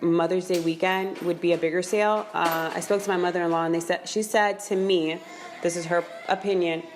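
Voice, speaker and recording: A woman's voice: fairly low pitch, steady tone, brisk, a little hiss or hum. A young woman co-hosting a podcast in casual chat, rambling and cutting in with fillers. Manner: chatty, interrupting, rambling with fillers. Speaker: podcast co-host.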